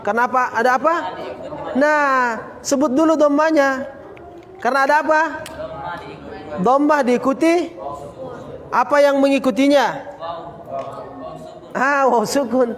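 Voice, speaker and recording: A man teaching a Quran recitation lesson, drilling students with repeated questions and slowly chanting example words. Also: extremely high pitch, fairly even intonation, big-room sound, some chatter behind. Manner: occasional coughs, casual. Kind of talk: classroom tajwid lesson.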